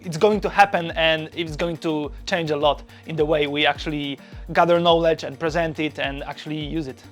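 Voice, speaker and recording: Enthusiastic man with a higher voice. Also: fairly even intonation, normal speed, soft background music. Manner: enthusiastic, repeats "I think". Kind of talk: interview talk.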